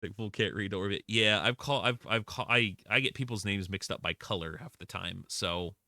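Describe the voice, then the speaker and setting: This man's voice is on the low side and moves at a moderate pace, recorded at studio quality with no room sound. He's playing a block-building game on a live stream, chatting casually, warmly greeting chat, and making fun of himself.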